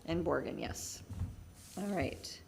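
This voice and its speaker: An American woman chairing a formal public meeting in a brisk, businesslike manner. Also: low-pitched, animated, creaky, a little mellow, a little hiss or hum. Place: public commission meeting room.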